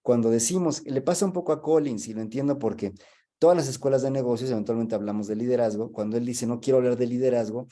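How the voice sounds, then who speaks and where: A man, a guest speaker who explains leadership in a webinar, tells a joke as a story and often fills pauses with "este". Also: medium pitch, warm tone. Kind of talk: webinar talk.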